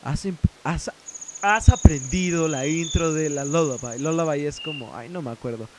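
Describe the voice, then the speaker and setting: A man's voice: a little high, normal speed. A man with a Mexican Spanish accent giving casual let's play commentary, muttering and swearing as he translates. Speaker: gameplay commentator.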